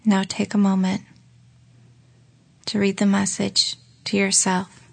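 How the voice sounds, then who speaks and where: A woman leading a guided relaxation exercise in a slow, soft voice that often drops into a whisper. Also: mid-range voice, monotone, creaky, husky. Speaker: meditation guide.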